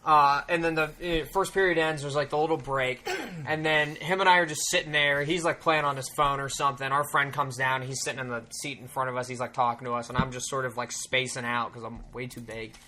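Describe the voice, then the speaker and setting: A young man co-hosting a casual podcast, telling a rambling, profane, animated story. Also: medium pitch, brisk, a little hiss or hum. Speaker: podcast co-host.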